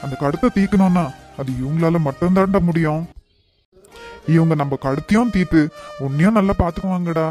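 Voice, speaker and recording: A man's voice: fairly high pitch, fairly quick, pauses often, darkish tone, soft background music, natural voice. Tender cartoon father, voiced by a man. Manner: pleading, affectionate. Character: worried, tender father of a grown daughter.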